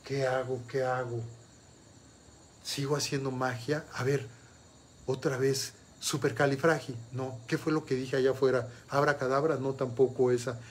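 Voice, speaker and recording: Puzzled young boy in a told story, voiced by a man, hesitant, muttering his questions over again, quieter than the teller. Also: mid-range voice, level tone, moderate pace, slight background noise, close to an everyday voice. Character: puzzled young boy hunting for magic words.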